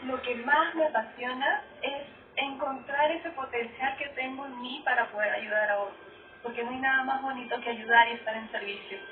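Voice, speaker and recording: A young woman from Peru, speaking earnestly and softly as a pageant contestant. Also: high voice, fairly even intonation, quick pace, echoey room, very noisy. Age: young adult. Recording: tinny distant TV broadcast with music.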